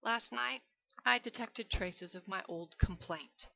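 Lady reading as a silky sinister old general, bright tone, lo-fi sound. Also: medium pitch, slow pace, creaky, heavily acted. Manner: silky, mocking courtesy. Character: suave menacing aristocratic older male hunter general.

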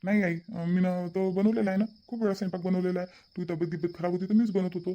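A man voicing a gentle young husband in a cartoon, softly pleading with his mother. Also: high voice, fairly even intonation, quick pace, highs cut off. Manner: soft and pleading. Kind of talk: cartoon voice acting.

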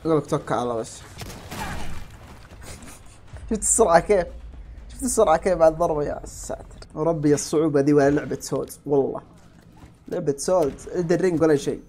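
Fast-talking excitable gamer man. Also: fairly high pitch, a little hiss or hum. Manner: excitable, talks to himself and viewers, shouts at enemies. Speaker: gameplay streamer. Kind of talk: casual gameplay commentary.

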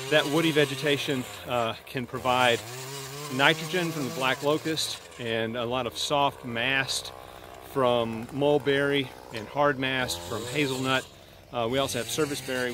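A man's voice: mid-range voice, noisy background. Middle-aged man explaining outdoors on a farm. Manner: thoughtful, explanatory, many fillers. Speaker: university plant scientist.

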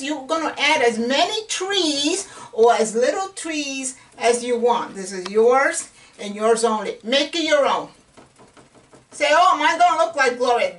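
A woman's voice: sits high, a bit bright. A middle-aged woman giving a casual painting lesson, encouraging and chatty, sometimes dropping to a whisper as she works. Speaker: painting instructor. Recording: distant camera mic with faint room noise.

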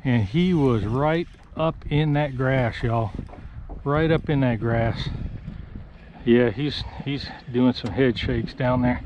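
A man's voice: mid-range voice, takes it slowly. Man, fishing vlog, folksy, chest-cam audio, slightly dull sound, faint water noise. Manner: excited, folksy, talks to viewers while handling fish. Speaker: fishing vlogger. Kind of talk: casual play-by-play fishing vlog. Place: small boat on open marsh water, outdoors. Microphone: chest-mounted action camera.

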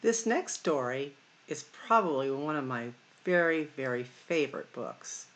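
A middle-aged woman running a library storytime reads a picture book to children with expressive, sing-song delivery and drawn-out emphasis. Her voice sits low and sounds animated.

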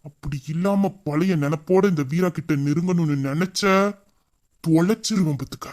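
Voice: medium pitch, normal speed, mellow, close to an everyday voice. Someone voicing a tender, longing young husband. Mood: threatening. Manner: emotional, intimate, endearing. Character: young husband missing his wife, tender and brooding. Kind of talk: audio drama acting.

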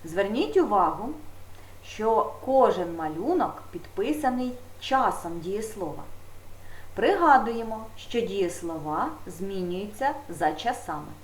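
Lively teacher woman in echoey room. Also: medium pitch, a little hiss or hum. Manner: slow, emphatic, addressing children directly. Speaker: primary school teacher. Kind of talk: video lesson for fourth graders.

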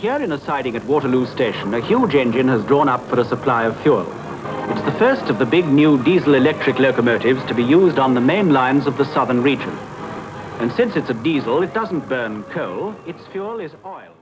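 A man's voice: medium pitch, expressive, over music, rough recording. Man narrating a 1950s newsreel. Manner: measured, formal announcer delivery.

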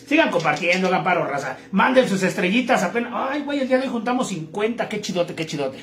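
A man's voice: high voice, expressive, fast, fairly bright tone, reverberant, a little hiss or hum. A man with a Mexican accent telling crude jokes on a live stream, chatting with viewers in slang.

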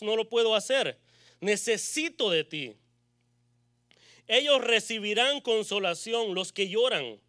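A man's voice: sits high, bright, forceful tone, dry recording, studio quality. A man preaching a sermon as pastor, emphatic, asking rhetorical questions and quoting prayers aloud.

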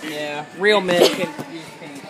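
A woman's voice: low voice, measured pace, loud music behind the voice. A woman in casual, everyday conversation. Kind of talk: casual chat. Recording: distant mic, very loud vehicle and ambient noise.

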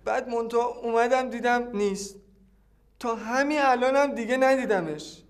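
An actor playing an evasive man being questioned, who answers hesitantly and backtracks. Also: very high voice.

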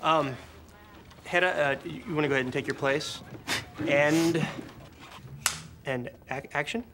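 An actor playing a hesitant, flustered, eager-to-please film director who stammers in a sitcom. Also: male voice, a little high, noisy background, lightly acted. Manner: halting, stammering. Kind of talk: sitcom acting.

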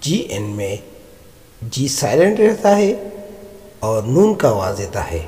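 A man teaching letter sounds, slowly naming example words one by one. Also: medium pitch, sing-song, dark tone, in a large hall. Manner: slow, deliberate, listing example words. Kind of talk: phonics lesson.

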